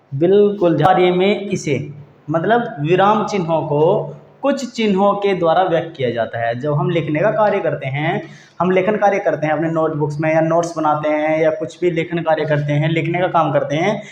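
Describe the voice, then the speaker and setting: Male teacher with a high voice, explaining patiently and repeating himself, in a roomy room on a dull, lo-fi recording. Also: a little mellow. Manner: repeats key points, asks and answers own questions, says "theek hai" often. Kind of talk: explanatory grammar lesson.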